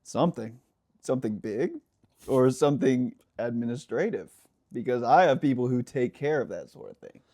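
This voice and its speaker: A man's voice: medium pitch, lively intonation, mellow, natural voice. A man reading as a robot commander. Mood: breezy. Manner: reading aloud, a bit halting. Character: breezy male robot mission commander.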